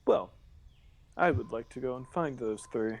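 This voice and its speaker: A young man with a gravelly edge to his voice plays his character in a tabletop game. He talks in a dry, self-assured way, at an ordinary middle pitch. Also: animated, measured pace, a little hiss or hum. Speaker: player.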